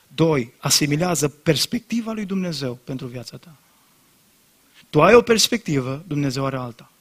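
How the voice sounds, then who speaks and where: A man preaching a sermon as pastor, speaking straight to the congregation and building to loud, impassioned emphasis. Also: fairly high pitch. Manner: addresses congregation directly and repeatedly.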